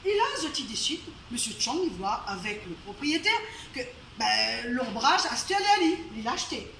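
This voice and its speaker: Telling a folk tale live at a venue's storytelling evening, a woman with a Réunion accent speaks at moderate pace in a fairly high, gravelly, bright, forceful voice with big pitch swings. She keeps it chatty, with frequent laughter and asides to the audience, and the venue recording is roomy and distant with faint noise.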